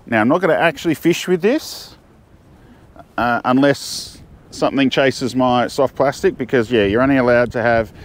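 At normal speed and in a mid-range voice, a middle-aged Australian fishing vlogger chats to camera from a windy jetty. He thinks aloud as he goes, often restarting what he's saying.

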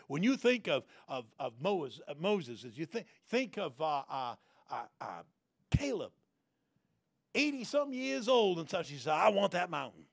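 A man preaching a folksy sermon, repeating phrases and sometimes bursting into loud shouted prayers. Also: sits high, creaky, no echo, studio quality.

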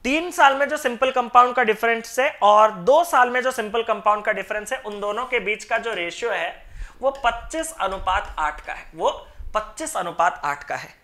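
A woman's voice: fairly high pitch, normal speed, fairly bright tone. A woman teaching an exam-prep math lesson, talking through each step by asking and answering her own questions. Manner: talks through steps in mock dialogue, asking and answering; mixes English terms into explanation.

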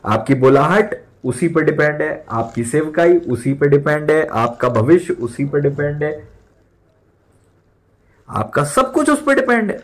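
A young male pastor in his twenties delivers a sermon with real emphasis. He drops English words into his speech and hammers points home by repeating them. His voice sits a little higher than most men's. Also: sing-song, unhurried. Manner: emphatic preaching, repeats lines for stress.

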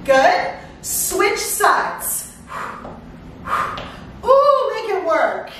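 A middle-aged woman coaching a workout as an energetic, encouraging aerobics instructor, exerting herself as she calls out cues and countdowns. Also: extremely high pitch, extremely slow. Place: living room at home, indoors. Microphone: far camera. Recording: echoey room, far microphone, faint noise.

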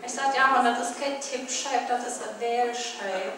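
High-voiced Saarland woman in echoey hall. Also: steady tone, unhurried, heavy background noise. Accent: Saarland German. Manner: chatty storytelling, acting out dialogue. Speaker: carnival comedian. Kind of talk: carnival stand-up monologue. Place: large carnival hall with audience. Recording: distant, echoey hall with crowd.

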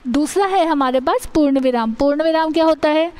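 High-voiced woman teaching a lesson. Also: a little mellow. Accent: Indian. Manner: slow, explanatory, reads out examples. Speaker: school teacher. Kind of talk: Hindi grammar lesson.

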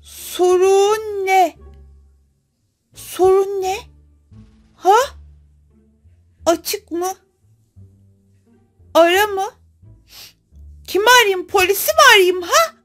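A woman's voice: very high voice, takes it slowly, pauses often, pushed and bright, faint music behind. A woman hosting a gaming channel, talking to her viewers in playful game commentary, dramatic and exclaiming, often breaking into mock sobbing.

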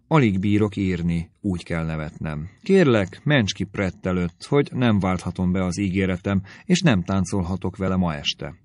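Low-voiced man doing a silly reckless teen girl, slow lilting audiobook read, dry sound. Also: a little mellow, dry recording. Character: giddy, reckless teenage girl writing a letter. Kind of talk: audiobook character reading.

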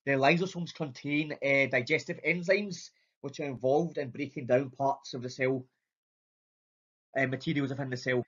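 Male lecturer, broad Scottish accent, mid-pitched, informal and halting delivery, slightly muffled lo-fi sound. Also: steady tone, a bit bright, slightly rough. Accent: strong Scottish. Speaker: biology lecturer. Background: voice-over for slides.

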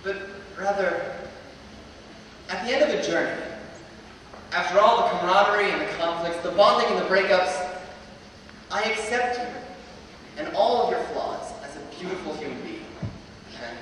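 Pausing often, the teenage student speaker talks at a moderate pace in a high, fairly bright voice with lively intonation. He's at a lectern in a big auditorium giving an earnest, wryly humorous graduation address, recorded from afar through a stand mic in an echoey hall with slight noise.

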